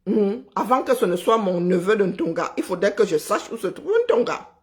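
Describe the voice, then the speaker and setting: A woman hosting a live stream, talking in an animated, sarcastic, chatty way. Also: mid-range voice, normal speed. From Cameroon. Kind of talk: casual live commentary.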